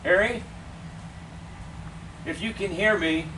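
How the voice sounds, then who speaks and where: A man preaching a funeral eulogy in measured, deliberate short phrases with pauses. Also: sits high. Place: funeral service, speaker away from the mic. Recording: distant mic, clear steady air-conditioning noise.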